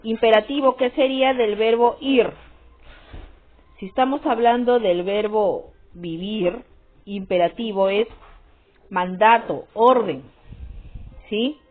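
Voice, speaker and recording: A woman teaches a grammar lesson, going over things repeatedly and often checking understanding with short questions like "¿sí?" and "¿no?". Her voice is a little high, and she takes it slowly with long pauses. The sound is tinny, like a phone, with faint music behind it.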